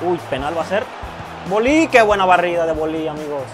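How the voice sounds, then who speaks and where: Excitable high-voiced Mexican young man. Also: brisk. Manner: excitable, swears often, yells at goals. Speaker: gaming youtuber. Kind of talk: casual video game commentary. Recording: loud music behind the voice.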